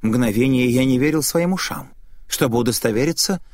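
A man's voice: mid-range voice, a little fast, a little mellow, dry recording. A man narrating a tense first-person story as an audiobook reading.

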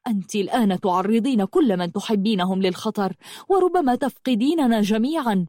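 A woman's voice: medium pitch, expressive, a little fast, dark tone, dry recording, studio quality, lightly acted. A woman voicing a protective older brother who urges and coaxes his sister in an earnest, pleading way in an audiobook. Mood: urgent. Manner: urgent, coaxing and pleading. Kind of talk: audiobook storytelling.

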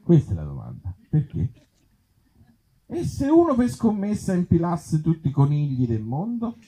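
An author and actor with a Tuscan accent entertains an outdoor festival crowd, giving live readings of absurd comic pieces between casual chats, his humor wry and self-mocking with hesitant asides. His dark-toned voice sits on the high side and moves through huge pitch swings at normal speed. The live recording comes across muffled and dull.

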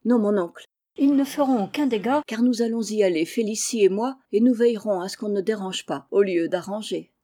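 Woman voicing a gentle, kind young girl; modest. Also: medium pitch, a little fast, lightly acted.

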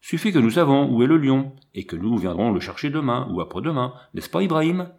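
A man reading a storybook and voicing a calm, practical soldier who speaks in a dry, matter-of-fact way. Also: medium pitch, brisk.

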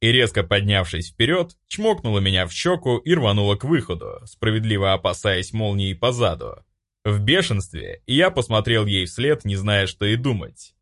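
A man narrating a first-person audiobook, expressive and acting out his own lines. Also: fairly low pitch, normal speed.

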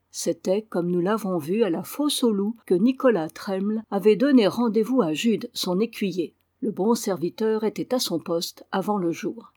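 A woman reads a classic adventure novel aloud at an unhurried pace, with careful, measured phrasing. Her voice sits in a middle register. The sound is close and dry, with no room around it. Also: medium pitch, darkish tone, no room sound. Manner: slow, measured literary narration. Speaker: audiobook reader.

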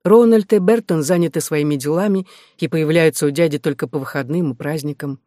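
A man reading a first-person audiobook narration in a steady, expressive way. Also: on the high side, brisk, no room sound, studio quality. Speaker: audiobook reader.

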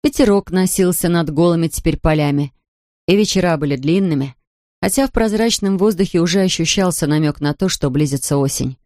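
An audiobook narrator reading a novel in a calm, even manner. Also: mid-range voice, brisk, no echo, clean studio sound. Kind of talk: scripted narration.

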